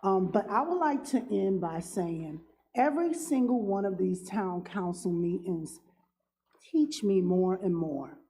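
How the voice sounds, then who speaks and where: Slow, halting woman with a cold. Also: medium pitch, animated, warm tone, poor audio. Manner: halting, many ums, earnest. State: has a cold, cough drop in mouth. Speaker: town councilwoman. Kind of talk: closing remarks at a council meeting.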